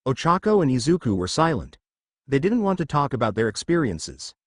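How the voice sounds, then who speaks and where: A man reading fan fiction aloud in a steady storytelling manner. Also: mid-range voice, brisk, no room sound, studio quality.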